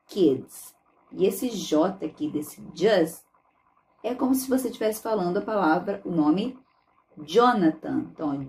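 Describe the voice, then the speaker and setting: A woman teaching how to sing English songs in Portuguese. She talks in a chatty way, often adds "tá bom?", and stretches the lyric words out slowly to model them. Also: on the low side, warm tone. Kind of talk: song pronunciation lesson.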